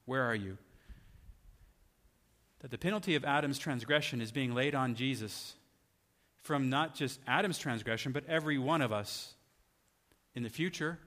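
Preaching in a conversational style, a man regularly addresses rhetorical questions to his audience. He speaks at normal speed and medium pitch, his tone fairly bright, in a recording with a long hall reverb.

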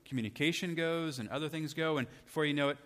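A man's voice: on the high side, fast talker, fairly bright tone. A man preaching a sermon in a conversational way, often asking his listeners rhetorical questions. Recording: long hall reverb.

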